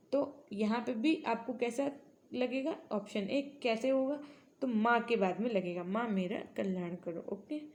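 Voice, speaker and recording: A woman's voice: a little high, darkish tone. A woman teacher working through exam-prep quiz questions, asking each one and then explaining the answer patiently, often dropping English phrases into her explanation.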